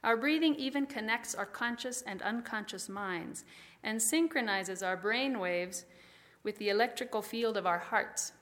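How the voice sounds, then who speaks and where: A woman preaching a calm, measured sermon and guiding listeners through slow breathing exercises. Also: medium pitch. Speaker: pastor.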